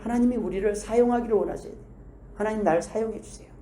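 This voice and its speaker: A man's voice: high-pitched, quick pace, warm tone. A male pastor giving a conversational sermon in a church, asking the congregation questions and acting out prayers in different voices. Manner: acts out prayers and replies in changing voices. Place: church sanctuary. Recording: roomy echo.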